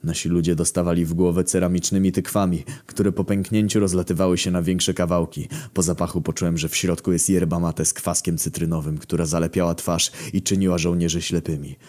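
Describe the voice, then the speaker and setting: A man's voice: deep voice, flat delivery, fairly quick, hardly any pauses, a little mellow. A man reading a scripted comic story in first person, dry and matter-of-fact with mock-heroic swagger. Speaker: story narrator.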